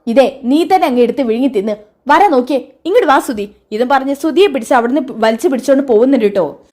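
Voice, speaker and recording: A woman's voice: sits high, expressive, quick pace, mellow. A woman casually retells a TV serial episode, narrating the scenes and reading out every character's lines herself.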